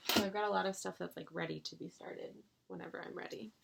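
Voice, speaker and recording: Gushing woman vlogger with gravelly voice. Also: lowish voice, quick pace, a little hiss or hum. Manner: gushing, excitable bursts; rambling, with fillers and restarts. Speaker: cross-stitch vlogger. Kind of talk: casual chat to viewers.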